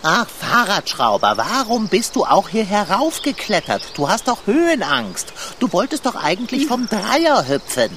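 Long John, a pompous tomcat. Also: male voice, high-pitched, wildly swooping pitch, unhurried, hardly any pauses, a bit bright, a little hiss or hum, full character voice. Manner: stilted, old-fashioned wording, dry sarcasm. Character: pompous male tomcat, dry and condescending. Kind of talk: radio play acting.

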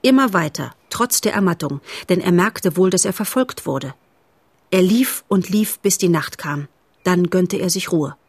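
A woman's voice: fairly low pitch, measured pace, breathy edge, dry recording. Woman narrating an audiobook, dry sound. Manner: steady, expressive storytelling. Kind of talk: audiobook reading of a children's novel.

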